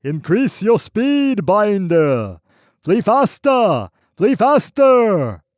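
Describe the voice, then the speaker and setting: A wild, booming spirit voice, as a male narrator puts it on, thundering orders and old verses from the dark. It rides up high and loud, pushing every word hard and dragging out the phrases, in a dry close storybook reading. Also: very animated, slow pace, no echo. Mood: commanding. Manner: thundering, commanding.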